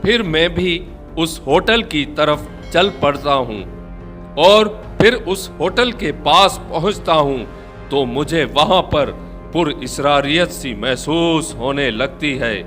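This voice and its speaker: A man narrating a first-person horror story in a slow, measured, suspenseful way. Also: a little high, a bit bright, faint music behind.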